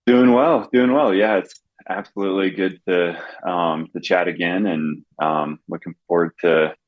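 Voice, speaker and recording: Guest, thirties, male, very low voice, relaxed filler-heavy chat, muffled dry audio. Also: unhurried, dry recording. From Southwest United States. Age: 30s. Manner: easygoing, with fillers. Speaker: podcast guest. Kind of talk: casual interview chat.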